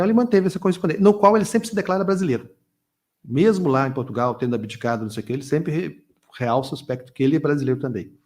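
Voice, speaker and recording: A man's voice: mid-range voice, a little mellow. A middle-aged man answering questions as a guest lecturer at a conference, talking discursively with frequent restarts and repeated words.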